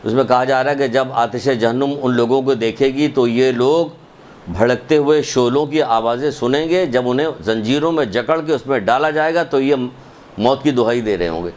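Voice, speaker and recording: A man's voice: medium pitch, darkish tone. Man preaching, emphatic, repeats himself a lot, throws rhetorical questions. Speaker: religious lecturer. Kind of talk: sermon with storytelling.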